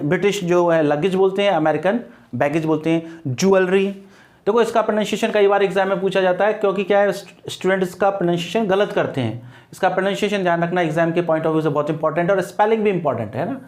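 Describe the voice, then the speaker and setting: Guy teaching english grammar online, pretty high voice, patient, spells words out. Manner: explains patiently, reassures students, spells words letter by letter; mixes English terms into his talk.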